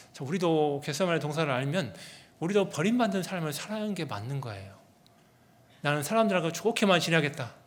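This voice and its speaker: Male pastor, fairly high voice, lively sermon, throws questions at the flock. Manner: animated, acts out quoted people in their own voices; rhetorical questions to the congregation.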